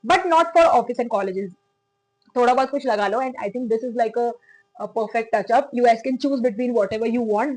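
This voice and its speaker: A woman's voice: on the high side, darkish tone, rough recording. A young woman with an Indian accent chatting through a makeup tutorial, switching freely between Hindi and English. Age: young adult. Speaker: makeup vlogger.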